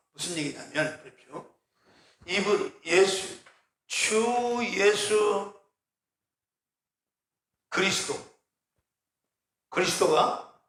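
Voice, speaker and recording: A man's voice: sits high, a bit bright. Emphatic man preaching in an echoey hall. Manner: questioning the congregation, emphatic. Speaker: pastor. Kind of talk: sermon. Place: church.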